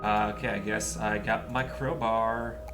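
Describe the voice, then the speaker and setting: A man playing a video game with casual commentary, reading on-screen text aloud and muttering his reactions as he thinks out loud. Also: on the low side, little pitch movement, unhurried. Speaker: gaming video host. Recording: music behind the voice. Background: game music.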